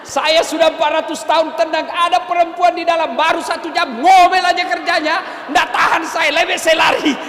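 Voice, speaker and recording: A high-voiced preacher acts out a towering dark jinn who has had enough, shouting out his grievance. The voice rings through an echoey hall with a faint hum beneath it. The complaint is loud and exasperated. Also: steady tone, normal speed, few pauses, some chatter behind. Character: huge dark male jinn from an old well, fed up.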